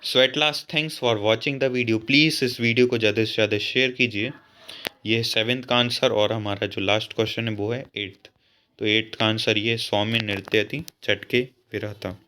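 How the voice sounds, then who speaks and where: A young man, explaining a school lesson patiently and slowly. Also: lowish voice, steady tone, bright, forceful tone, a little hiss or hum. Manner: slow, patient explanation with frequent asides to students. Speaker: teacher.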